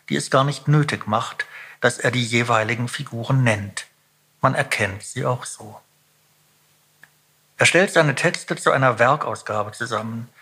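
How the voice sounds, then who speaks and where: A man narrates a scripted podcast segment in a composed, informative manner. His voice is bright and forward, with a husky grain. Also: medium pitch. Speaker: podcast host.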